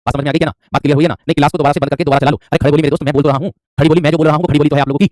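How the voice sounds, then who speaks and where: A man's voice: fairly high pitch, steady tone, rapid-fire, a little mellow, dry recording, clean studio sound. A man teaching Hindi dialects in an online class, repeating points and quizzing his students. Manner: repetitive, quizzing, calls students "my friend".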